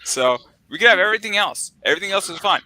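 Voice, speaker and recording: A man's voice: sits high, expressive, fast talker, sharp tone, dry recording, poor audio. A man in his twenties telling a rambling, profane story in casual chat, full of likes and swearing.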